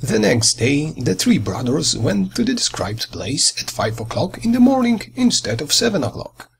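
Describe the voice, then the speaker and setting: This male storyteller reads a children's fairy tale at normal speed, dramatic and expressive, with a husky, gravelly voice on the high side. Slight background noise can be heard.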